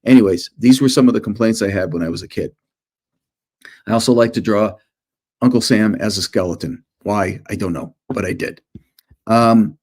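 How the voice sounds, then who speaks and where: His voice is on the low side, and he's a children's author and illustrator giving an informal presentation to students, full of animated storytelling and self-deprecating humor.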